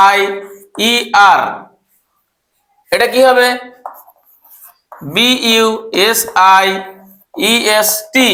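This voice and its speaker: Male tutor, bright high voice, patient letter-by-letter spelling, roomy echo. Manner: spells words letter by letter, asks questions of students. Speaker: English teacher. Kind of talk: grammar lesson.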